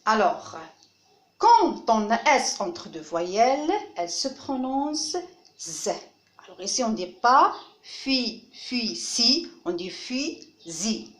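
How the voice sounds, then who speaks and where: In a roomy-sounding space, a primary school teacher with a North African French accent runs a children's phonics lesson. Her fairly high voice has a sing-song lilt, and she speaks slowly and deliberately, repeating each word to show its pronunciation.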